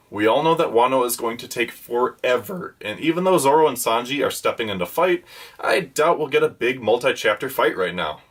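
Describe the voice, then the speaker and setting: A man's voice: medium pitch, a bit bright. A man hosting a weekly manga review, reading a scripted rundown with enthusiastic fan commentary.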